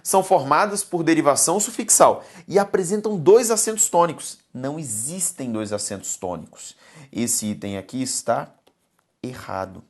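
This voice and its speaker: Lively Brazilian woman teaching grammar. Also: low-pitched, moderate pace. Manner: emphatic, keeps calling students to look and pay attention; affectionate, calls viewers "my dears". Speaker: exam-prep teacher. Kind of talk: online grammar lesson.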